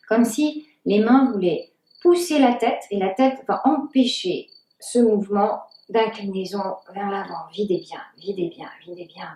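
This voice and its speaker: Woman yoga teacher, slow calm cues, mellow tone, roomy echo, off-mic. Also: mid-range voice, far from the mic. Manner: slow, calm cueing of breath and movement, drops to near whispers. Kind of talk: guided yoga instruction.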